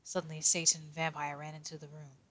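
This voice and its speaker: Quiet young male detective, woman voicing: low, flat, in-character fanfic reading. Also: quick pace, slight background noise. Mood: deadpan reading.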